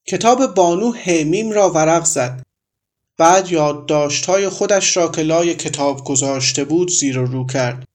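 Man narrating a story, slightly high voice. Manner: measured, even storytelling.

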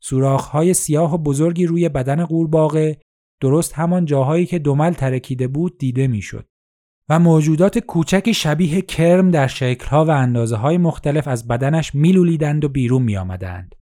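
A man narrating a story in a steady, measured audiobook style. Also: fairly high pitch.

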